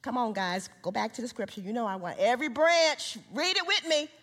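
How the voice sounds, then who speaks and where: A woman in her sixties or older preaching a sermon, speaking to a live congregation and swinging from quiet lines to shouted highs. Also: brisk. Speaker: guest speaker, minister. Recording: reverberant hall.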